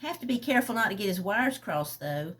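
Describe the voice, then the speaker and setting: A woman chatting casually, then reading a passage from her own novel aloud in an unhurried way. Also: mid-range voice, expressive, a bit bright.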